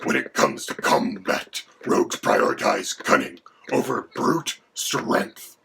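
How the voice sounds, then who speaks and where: A voice, given as male, playing a haughty dragon companion with a gravelly, creaky, half-whispered sound. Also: on the low side, big pitch swings, slow, a bit bright, exaggerated voice. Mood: lecturing. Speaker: co-host.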